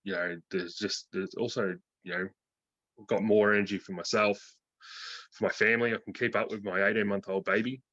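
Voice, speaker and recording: A man's voice: fairly low pitch, flat delivery, a little fast, pushed and bright, no echo. A man, giving a casual interview in slangy, laid-back speech. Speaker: interviewee, programme graduate. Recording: dull lo-fi call audio.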